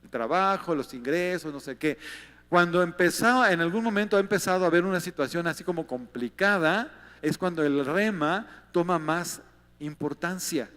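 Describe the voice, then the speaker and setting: A man's voice: fairly high pitch, expressive, moderate pace, a bit bright, in a large hall. A man with a Mexican accent preaching a sermon as a pastor, talking conversationally and often asking his listeners rhetorical questions.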